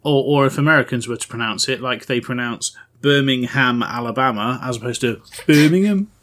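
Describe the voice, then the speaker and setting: A man's voice: medium pitch, fairly even intonation, quick pace, sharp tone. A man in his forties chatting casually as a co-host, self-deprecating and laughing at his own jokes. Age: 40s. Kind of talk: casual chat.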